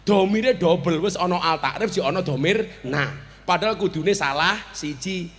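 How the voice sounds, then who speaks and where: A Javanese-accented man gives a comic sermon in a high, bright, forceful voice. He teases the crowd, trades banter and shouts out his punchlines. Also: normal speed. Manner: joking, banter with the audience, bursts into shouts. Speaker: preacher. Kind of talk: humorous sermon at a village gathering.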